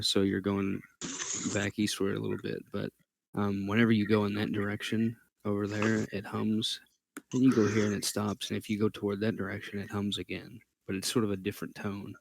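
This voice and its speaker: A man narrating a tabletop game as game master, halting and thinking aloud as he describes scenes. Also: fairly low pitch, gravelly, a little hiss or hum.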